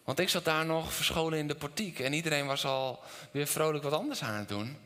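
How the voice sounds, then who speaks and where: A middle-aged male pastor preaching a sermon to his congregation, telling a personal story, asking them questions, and moving between loud, animated passages and quiet, intense ones. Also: fairly high pitch, fairly quick. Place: church hall with congregation. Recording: long hall reverb.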